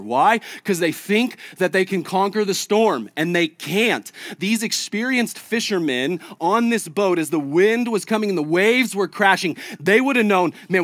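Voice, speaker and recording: A man's voice: high-pitched, a bit bright, no echo, clean studio sound. A male pastor preaching a conversational sermon, full of rhetorical questions to the congregation. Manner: chats casually with a child mid-sermon.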